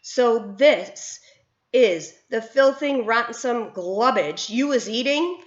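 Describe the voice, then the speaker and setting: A woman reading aloud and voicing a greedy, bad-tempered male giant who booms slowly and menacingly. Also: expressive. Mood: scornful. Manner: booming, slow and menacing. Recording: roomy, dull lo-fi sound.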